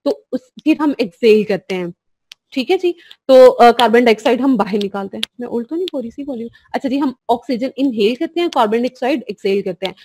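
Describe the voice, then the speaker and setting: A woman's voice: a little high, expressive, quick pace. Chatty woman teaching online. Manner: chatty and warm, mixing in English phrases, reading out chats. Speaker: clinical psychologist teaching a course. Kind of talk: live online course, casual lecturing.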